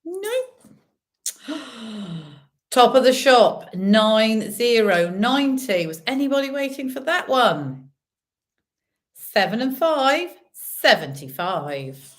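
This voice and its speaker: A woman with a fairly high voice is calling bingo. She takes her time, spelling out each number digit by digit with deliberate pauses, and keeps it informal and chatty. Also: big pitch swings. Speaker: bingo caller and host. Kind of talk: bingo calling with casual chatty asides to players.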